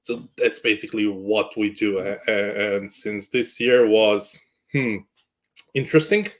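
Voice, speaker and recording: A man's voice: lowish voice, a little slow. A man from Croatia, a guest in a casual interview chat, good-humored and jokey, often restarting his sentences. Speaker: guest, cloud architect.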